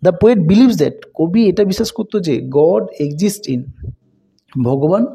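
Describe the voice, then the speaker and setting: গভীর খসখসে স্বরের শিক্ষক. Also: male voice, high voice, animated, creaky, dark tone, slightly rough. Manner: reads English question slowly, explains in Bengali. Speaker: teacher. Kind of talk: exam prep lesson.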